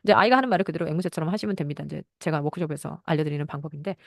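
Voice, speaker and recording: A woman parenting mentor giving a lesson on talking with children, explaining briskly and acting out little parent and child exchanges. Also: low-pitched, creaky, no echo, clean studio sound. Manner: fast, explanatory, acts out parent and child lines.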